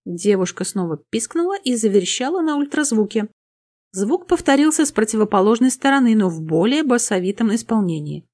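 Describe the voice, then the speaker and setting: A woman reading a fantasy audiobook with lively, playful storytelling. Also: fairly high pitch, a little fast. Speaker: audiobook narrator. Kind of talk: expressive fantasy audiobook narration.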